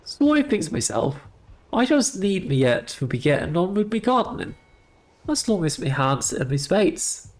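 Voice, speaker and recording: A woman's voice: on the low side, big pitch swings, moderate pace, darkish tone. A woman voicing a cheery male ghost gardener who has lost his head, talking in rustic working-class slang.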